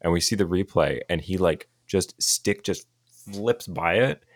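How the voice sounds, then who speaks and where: A man co-hosting a hockey show in casual chat, telling stories in an animated way and acting out his reactions. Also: deep voice, measured pace, no echo. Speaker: co-host of a hockey talk show.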